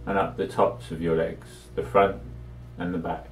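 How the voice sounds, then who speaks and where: A low-voiced man gives brief, soothing meditation instructions in a measured, level tone, pausing at length between them. Faint music plays behind, and the echoey sound comes from a distant mic.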